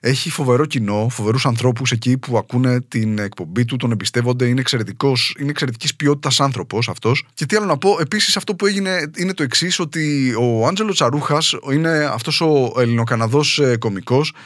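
Man, from Trikala, comedian, chatty casual monologue, mid pitch, dry close mic. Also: hardly any pauses, a bit bright, dry recording. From Trikala, Greece. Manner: chatty and rambling, addressing listeners directly. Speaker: stand-up comedian and podcast host.

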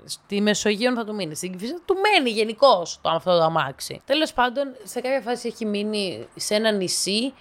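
Here a woman spins casual stories for an audience with plenty of energy. When characters speak, she plays their lines out, her pitch leaping sharply.

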